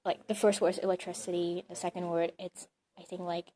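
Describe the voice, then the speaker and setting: A young bilingual student from Hong Kong, whose first language is Cantonese, gives casual interview answers in a lowish, dark voice. Her delivery is flat and fairly quick, and she sounds chatty yet hesitant, thinking aloud with lots of "like" and "um."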